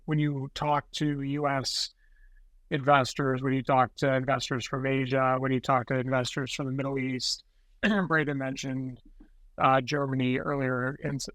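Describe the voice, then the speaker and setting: A man answers questions on a business podcast as a real estate advisor. His delivery is measured and steady, leaning on little fillers. The recording is dry and close. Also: mid-range voice, no echo, poor audio. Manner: measured, repeats "look" and "you know".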